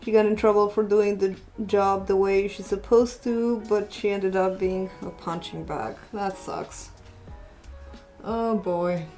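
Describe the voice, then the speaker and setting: A woman's voice: medium pitch, fairly even intonation, a little slow, warm tone, faint music behind. A woman chatting casually on a livestream while painting, laughing often and poking fun at herself. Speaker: streamer painting a mural.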